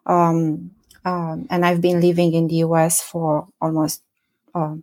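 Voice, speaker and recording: A woman's voice: sits low, completely flat delivery, unhurried, warm tone. A woman in her forties from Romania, with a Romanian accent, answering interview questions as a history professor, hesitant with many fillers and restarts. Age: 40s.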